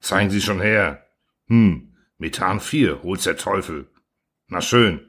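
A gruff, irritable starship commander, as the audiobook reader puts him on. He talks bluntly and sarcastically, his voice sitting somewhat low. The manner is that of a spoken-word novel. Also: takes it slowly, full character voice. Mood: grudging. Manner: blunt, sarcastic, flares into shouting. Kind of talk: audiobook character reading.

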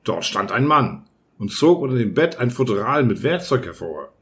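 A man narrating an audiobook in the first person, reading in a measured, even way. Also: mid-range voice. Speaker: audiobook reader.

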